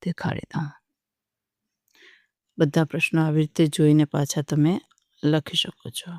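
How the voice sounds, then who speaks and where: A teacher welcoming students and dictating workbook answers question by question, in a steady, methodical way. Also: medium pitch, unhurried, no room sound, studio quality.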